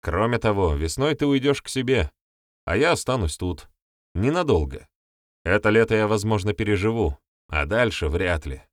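A man's voice: fairly low pitch, lively intonation, normal speed, no echo, clean studio sound, close to an everyday voice. A man reading the part of a serious young man who talks in a grave, earnest way.

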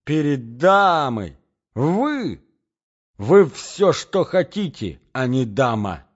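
A man voicing a hot-tempered jilted young gentleman in an audiobook, shouting indignant outbursts. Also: medium pitch, expressive, normal speed, natural voice. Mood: outraged. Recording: dull lo-fi audiobook recording.

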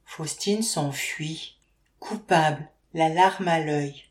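Woman narrating an audiobook, low voice. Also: slow. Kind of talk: scripted narration. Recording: roomy echo.

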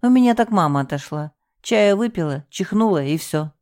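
A woman's voice: medium pitch, lively intonation, moderate pace, a little mellow, close to an everyday voice. A woman voicing a bossy, scheming middle-aged female hotel manager who gives curt, commanding orders. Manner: curt, commanding, falsely soothing.

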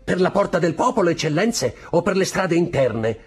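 Coachman, read by a man: deferential, high, husky. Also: sing-song, normal speed, soft background music, heavily acted. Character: respectful Roman coachman.

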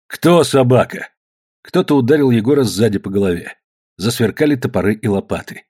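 A man narrating an audiobook with measured storytelling. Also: fairly low pitch, animated, mellow, breathy edge. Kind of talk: audiobook reading.

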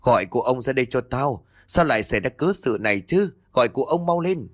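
A man's voice: mid-range voice, animated, brisk, dry recording, studio quality, close to an everyday voice. A man voicing a domineering old woman who shrilly scolds and curses her servants. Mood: commanding.

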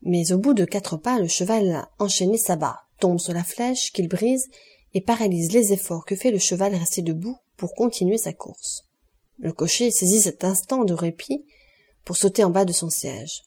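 A woman narrating a classic novel as an audiobook, in a steady, expressive reading voice. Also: medium pitch, normal speed, husky.

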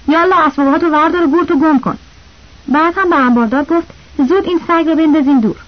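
A woman narrating a novel as an audiobook, reading the characters' lines in her own voice with small shifts. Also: high voice. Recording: slightly dull lo-fi audio.

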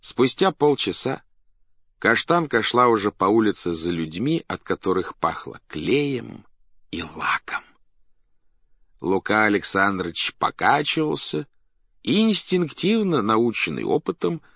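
A man narrating a classic story aloud in an expressive, theatrical reading style. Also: on the low side, a little slow, dry recording. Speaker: audiobook narrator. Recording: dull dry studio recording.

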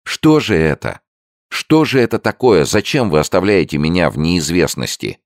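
A man's voice: low-pitched, sing-song, moderate pace, no echo, studio quality, pitched above the performer's own voice. A man voicing an anguished young son. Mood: distressed. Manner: pleading, emotional.

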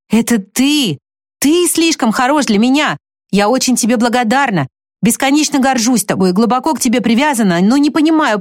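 Impulsive frank young heroine, high earnest pleading, read by a woman, dry close sound. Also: dry recording, natural voice.

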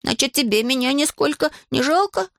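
A cheeky, stubborn young grandson, played by a woman reading a storybook aloud. The voice sits clearly higher than her telling voice and bounces along with lively pitch. The sound is close and dry. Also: brisk, no room sound, heavily acted. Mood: coaxing. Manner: high bright boyish pitch.

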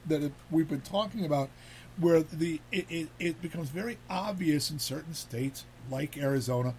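A man's voice: a little high, normal speed, slight background noise. Rambling talk show host man. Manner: rambling, repeats words, animated. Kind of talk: casual talk show chat.

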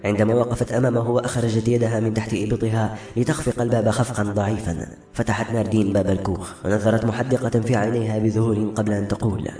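A man reads a fantasy novel aloud in a steady, quick storytelling flow. His voice sits low and mellow. The recording is roomy, with soft music playing underneath. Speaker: narrator. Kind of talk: audiobook narration of a fantasy novel.

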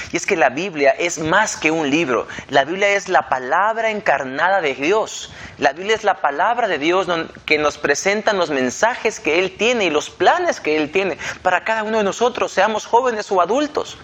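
A young adult man hosting a relaxed panel discussion, earnest and measured, repeating points for emphasis. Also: high-pitched. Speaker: host.

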